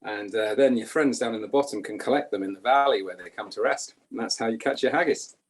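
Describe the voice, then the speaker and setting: A man talking through a tasting in a measured, descriptive way, and telling a deadpan tall tale. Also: on the low side, breathy edge. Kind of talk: casual tasting chat.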